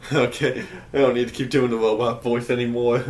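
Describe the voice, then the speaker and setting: A man's voice: mid-range voice, flat delivery, fast talker, a little mellow, slight background noise. A young man giving casual gameplay commentary, rambling and correcting himself, often laughing. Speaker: game streamer.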